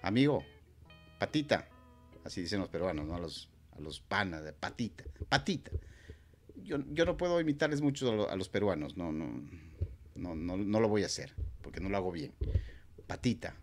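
Man, casual storytelling, lively swooping pitch, acts out dialogue, faint music behind. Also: brisk. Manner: animated, acts out dialogue with voices. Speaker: streamer.

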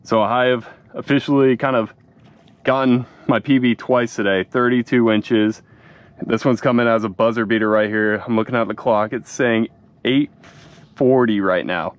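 A young man hosting a fishing vlog from a small boat at dusk, chatting casually and excitedly, saying "dude" a lot. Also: medium pitch, normal speed, no room sound. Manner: excited, laid-back, says "dude" a lot. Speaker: fishing channel host. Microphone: action camera mounted on cap.

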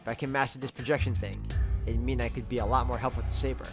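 Medium-pitched man narrating a story. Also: fairly even intonation, quick pace, over music. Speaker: reader of a visual novel playthrough. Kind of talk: first-person story narration read aloud.

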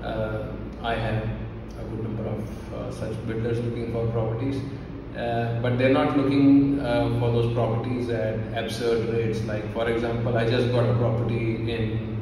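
A man with an Indian accent delivers informal market commentary in a level, little-varying voice. He is halting, often repeating a phrase as he works out his point. He sounds distant from the microphone in a strongly reverberant office, with clear background noise. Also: medium pitch, flat delivery. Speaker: real estate agent presenting a market update. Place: small office indoors. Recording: very echoey room, distant mic, background noise.

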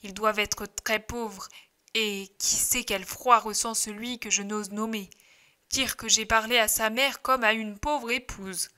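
A man's voice: high voice, steady tone, unhurried, pushed and bright, full character voice. A woman reading the lines of a kindly male shepherd who eagerly urges the others to bring gifts.

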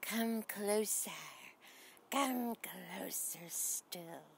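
A woman's voice: lowish voice, expressive, vocal fry, a bit bright, slight background noise, exaggerated voice. A woman voicing a female spider luring its prey, in a whispered role-play. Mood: menacing. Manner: slow creepy whisper.

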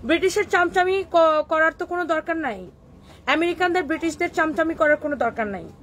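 A woman's voice: extremely high pitch, animated, fairly quick, fairly bright tone, a little hiss or hum. Defiant woman with a Kishoreganj accent. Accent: Kishoreganj Bengali. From Bangladesh. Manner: scolding, defiant, mixes English words into Bengali. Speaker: clothing shop owner hosting a live stream. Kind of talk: live stream reply to viewer comments.

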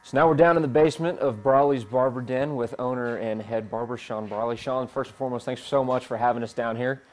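A man's voice: medium pitch, fairly even intonation, brisk, slight background noise. A young man, a radio station host, asking chatty, friendly questions in a casual interview while getting a haircut in a barbershop basement. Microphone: lapel.

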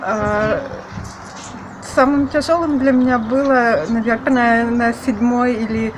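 A woman in her twenties talks openly and in a friendly way to a camera outside a building. Her voice sits fairly high. Outdoor ambience comes through clearly. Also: fairly even intonation, slow, noisy background. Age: 20s. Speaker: accountant. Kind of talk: short testimonial to camera.

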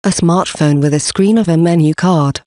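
A man giving a scripted presentation for a company, reading slide contents and symbols aloud in a steady, even delivery. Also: on the high side, moderate pace, no room sound, clean studio sound.

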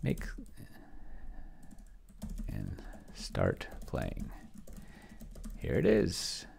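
He's a middle-aged solo roleplayer putting an AI dungeon master through its paces, muttering and rambling to himself as he reads and types on a shared screen in a shelved room at home. His bass voice swings hugely in pitch and moves extremely slowly, with vocal fry, a darkish tone and slight background noise.

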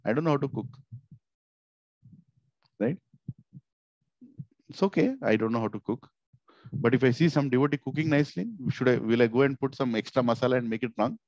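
A middle-aged man with a South Indian accent giving an informal devotional sermon, animated and repetitive, asking rhetorical questions into a headset mic. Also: mid-range voice, fairly quick, long pauses, dry recording. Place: small indoor office. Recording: slightly dull, lo-fi headset audio.

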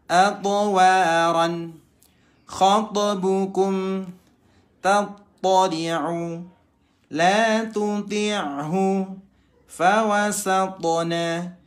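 An Indonesian man teaches Quran reading, chanting Arabic examples with exaggerated, stretched-out syllables. His high voice holds a steady tone, drawing out words and leaving long pauses in this instructional lesson.

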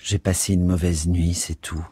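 A man's voice: sits low, level tone, moderate pace, mellow, slightly rough, dry recording. A man voicing a shy, awkward young student in an audiobook, who sounds flustered and stammers.

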